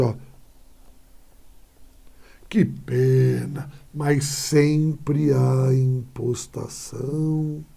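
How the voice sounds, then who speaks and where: A man's voice: a little high, vocal fry, mellow. A male Brazilian Portuguese teacher explaining punctuation in a classroom lesson, often checking in with short tags as he points to examples.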